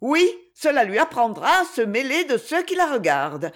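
Woman reading cold young lady, dismissive, disdainful, high and lively. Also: normal speed. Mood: scornful.

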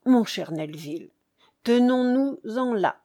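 A woman voicing a cheerful, frivolous young French count, with a light and lively tone in an audiobook reading. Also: a little high, slow pace. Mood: consoling.

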